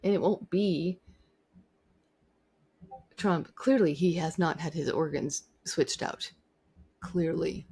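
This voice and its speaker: A woman's voice: low-pitched, takes it slowly, long pauses, warm tone, slightly rough. A woman vlogger giving an opinionated monologue, emphatic and repeating her points for stress. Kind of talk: opinionated talking-to-camera monologue.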